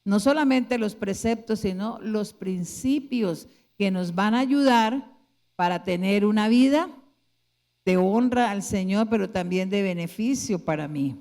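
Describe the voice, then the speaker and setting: A woman pastor preaching to her congregation, her voice sitting at an ordinary middle pitch. She drives her points home with one rhetorical question after another. The sound carries the long reverb of a large church hall. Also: takes it slowly, long pauses, mellow. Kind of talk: sermon.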